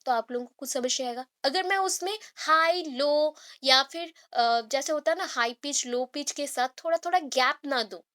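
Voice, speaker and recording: High-voiced woman teaching a class. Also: a bit bright. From India. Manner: explains with repeated "theek hai" checks and everyday examples. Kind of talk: exam-prep lecture mixing Hindi and English.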